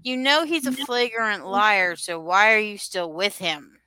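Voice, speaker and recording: Chatty woman with a bright, clear voice. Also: mid-range voice, measured pace, no room sound, low-quality recording. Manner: chatty, rambling, loosely shaped sentences. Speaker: podcast host. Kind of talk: casual chat.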